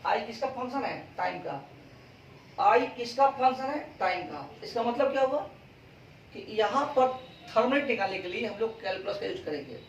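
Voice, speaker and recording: A man's voice: high-pitched, animated, moderate pace, gravelly, slight background noise. A male physics teacher giving a classroom lecture, asking questions and answering them himself. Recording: roomy classroom sound from a distance.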